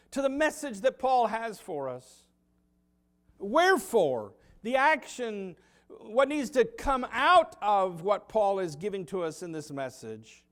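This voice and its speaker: A middle-aged man with a Southern US accent preaching a sermon as pastor, swinging from loud emphasis to quiet low asides. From United States. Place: church sanctuary.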